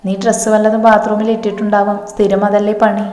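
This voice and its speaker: A woman voicing a nagging middle-aged mother who gives brisk, fussing commands. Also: medium pitch, completely flat delivery, a little mellow, close to an everyday voice. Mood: scolding. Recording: echoey, reverberant room with faint music.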